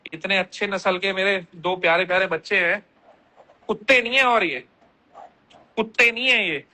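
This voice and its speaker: A man's voice: high voice, sharp tone. A young man talking loosely and bluntly with his chat during a live stream, reading out questions and answering them.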